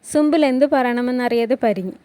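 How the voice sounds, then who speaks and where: A woman storyteller recapping a TV drama in a plain, steady retelling voice on a close mic. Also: fairly high pitch, fairly quick, no room sound.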